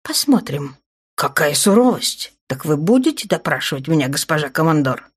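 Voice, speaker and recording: A woman voicing a smug, teasing dark male lord in an audiobook, speaking low and soft, often near a whisper. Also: big pitch swings, moderate pace, husky, full character voice.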